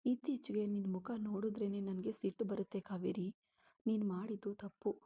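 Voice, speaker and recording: Woman doing annoyed husband lines, low husky voice, story reading. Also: fairly even intonation, normal speed, warm tone, close to an everyday voice. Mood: angry. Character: angry young husband scolding his wife.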